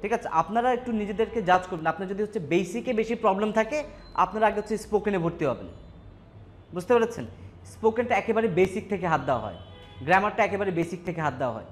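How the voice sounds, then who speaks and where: Bangladeshi man teaching, higher voice. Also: lively intonation, quick pace, faint music behind. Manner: rhetorical check-ins with students. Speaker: English teacher. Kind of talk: classroom lecture.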